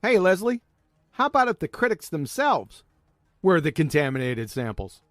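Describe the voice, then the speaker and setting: A man's voice: a little high, big pitch swings, normal speed, fairly bright tone, no room sound, clean studio sound. A man giving mocking commentary on clips in a smug, sarcastic manner. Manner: smug, sarcastic mockery with name-calling. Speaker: video commentator.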